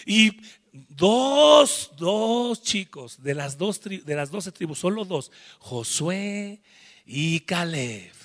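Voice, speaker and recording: A man preaching a sermon as pastor, animated and acting out the voices of Bible figures. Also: sits high, extremely slow, long reverb tail. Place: church.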